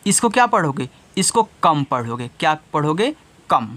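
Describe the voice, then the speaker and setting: A man's voice: on the high side, big pitch swings, moderate pace, fairly bright tone. A man teaching English spelling rules, asking a question and answering it himself over and over. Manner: repeats questions and answers to drill students. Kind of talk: slow classroom-style lesson.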